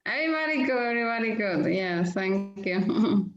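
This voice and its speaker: Dominican woman on a video call, laughs a lot, english a bit halting, echoey muffled audio. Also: mid-range voice, lively intonation, soft background music. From Dominican Republic. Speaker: caller. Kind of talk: casual group video call.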